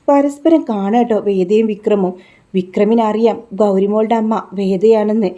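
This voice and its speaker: A woman's voice: mid-range voice, warm tone. A woman narrating a casual recap of a TV serial, reading out the characters' lines in her own voice and dropping in chatty tag words. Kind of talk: casual spoken story recap.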